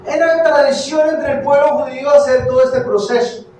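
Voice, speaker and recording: A pastor with a Colombian accent preaches an animated sermon, putting questions to the congregation and shifting between loud and hushed delivery. His voice is very high-pitched and his pace moderate. A distant mic picks him up in a very echoey hall, with faint music.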